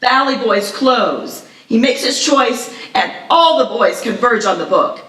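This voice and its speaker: A woman with a fairly high, bright, pushed voice narrates screenplay action at a live festival table read, animated but unhurried. Her delivery is dramatic and vivid. The echoey room is picked up by a distant mic.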